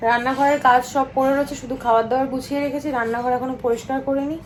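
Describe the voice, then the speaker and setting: A woman's voice: sits high, level tone, racing. A tired woman chatting casually to her viewers in a home vlog, complaining about chores and lost sleep. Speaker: family vlogger. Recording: echoey room, distant from mic, noisy.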